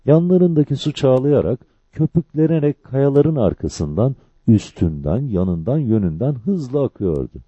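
A man reading a village story aloud in steady, lively storyteller phrasing, in a dull lo-fi recording. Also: mid-range voice, measured pace, few pauses, slightly rough, dry recording. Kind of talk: scripted story narration.

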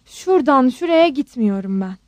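A woman's voice: high voice, lively intonation, moderate pace, dry recording. A woman voicing a stunned middle-aged husband who stammers in disbelief. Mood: bewildered. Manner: stammering, bewildered.

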